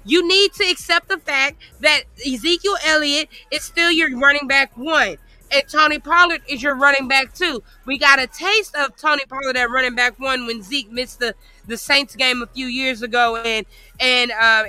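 A woman's voice: high-pitched, steady tone, normal speed, sharp tone, no room sound. A woman co-hosting a casual sports chat, talking in an emphatic, opinionated rant. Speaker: co-host.

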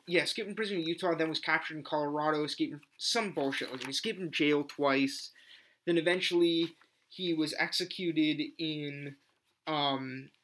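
A man co-hosting a casual comedy podcast, talking sarcastically with halting restarts. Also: a little high, a bit bright, a little hiss or hum. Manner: sarcastic, mock-reading a letter with halting restarts. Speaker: podcast co-host.

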